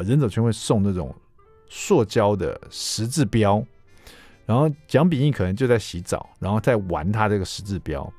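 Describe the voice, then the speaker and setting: Animated Taiwanese storyteller dad. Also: male voice, fairly low pitch, no room sound. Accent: Taiwanese Mandarin. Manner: animated storyteller, acts out quotes. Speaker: cookbook author guest. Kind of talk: anecdotal radio interview talk.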